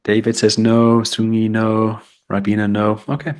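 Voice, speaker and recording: Brief: British male tutor, low-pitched, upbeat live-lesson explainer. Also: monotone, normal speed, a little mellow. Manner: explaining, reading chat comments aloud. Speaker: English test tutor.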